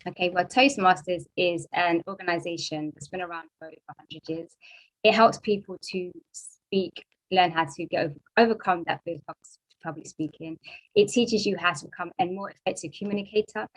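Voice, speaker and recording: A middle-aged woman giving a motivational talk to an audience, telling her story in a lively way, acting out the voices she quotes and asking the room questions. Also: on the low side, fairly quick, low-quality recording. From United Kingdom. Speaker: guest speaker.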